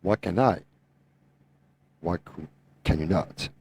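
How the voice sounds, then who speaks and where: This middle-aged man from France, a native French speaker who drives his own truck, gives his opinions as a podcast guest in emphatic, repetitive, non-native English with a French-Tennessee accent. He speaks slowly in a low, warm voice with vocal fry, and there's a little hiss or hum.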